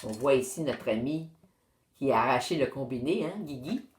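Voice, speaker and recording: Woman reader for kids' novel, lively pitch, unhurried, echoey room. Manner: expressive, warm read-aloud to children. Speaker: storyteller. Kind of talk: reading a children's novel aloud. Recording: roomy echo.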